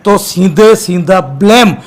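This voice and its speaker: A man from Gujarat, an activist guest, speaking forcefully and accusingly in a heated interview, repeating his points. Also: high voice, expressive, slow pace.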